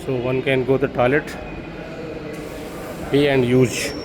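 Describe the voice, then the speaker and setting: A man with an Indian accent speaks slowly in a mid-range voice with little pitch movement, giving a hesitant, repetitive walk-through commentary as a travel vlogger. He is on the move in a public railway station, with busy crowd and vehicle noise in the background.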